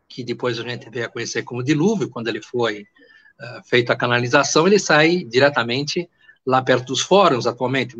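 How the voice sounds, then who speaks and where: An older man in his sixties hosting a video call, telling local history in a digressive way and pausing to search for names. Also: mid-range voice, a bit bright. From Porto Alegre, Brazil. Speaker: host and history teacher. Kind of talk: conversational history talk. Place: indoors, home room. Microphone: video call webcam. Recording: muffled video call audio.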